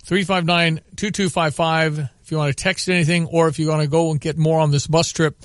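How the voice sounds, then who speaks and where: A man's voice: fairly high pitch, little pitch movement, a little fast, no room sound, studio quality. A man hosting local sports radio, doing live ad reads and announcements.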